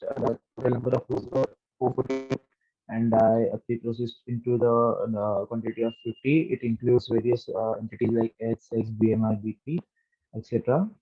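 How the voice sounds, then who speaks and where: A man's voice: mid-range voice, no echo. A young man giving a hesitant, formal presentation as an intern on a video call. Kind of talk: slide presentation and software demo. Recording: dull lo-fi video-call audio.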